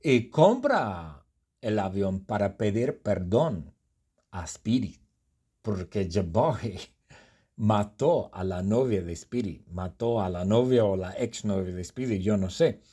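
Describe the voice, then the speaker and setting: Man teacher, slow storytelling lesson, lively pitch, slightly husky. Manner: clear, deliberate, quizzing. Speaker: language teacher.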